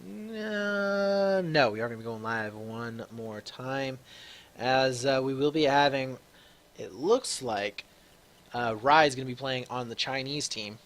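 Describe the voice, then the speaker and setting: A young shoutcaster gives solo play-by-play on an online shooter match in a mid-range voice gone slightly raspy after a long day. He's chatty, fills pauses with "uh," and gets excited on the big plays.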